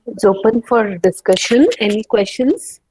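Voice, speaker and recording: A woman moderating an online session, reading out audience questions in a plain, measured way. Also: mid-range voice, mellow, husky, poor audio.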